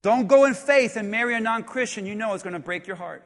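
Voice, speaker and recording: Brief: male pastor preaching in a church, very high voice, animated, shouts for emphasis, long hall echo. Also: quick pace. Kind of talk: sermon. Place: church sanctuary.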